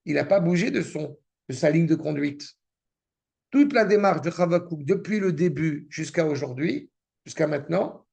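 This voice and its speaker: Teaching a Torah lesson, a man with a fairly high, gravelly voice reads Hebrew text aloud before explaining it. His commentary on the verses is sprinkled with cynical asides.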